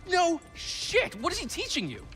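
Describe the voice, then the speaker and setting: With an extremely high, exaggerated voice at a moderate pace, this man plays a nosy, talkative refugee character in a game cutscene backed by music. He sounds excitable, veering from enthusiasm to doubt.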